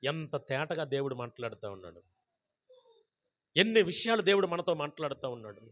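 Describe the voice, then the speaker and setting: A man's voice: fairly high pitch, expressive, fairly quick. A man preaching a sermon as pastor at a prayer gathering, who asks the congregation questions and repeats scripture phrase by phrase.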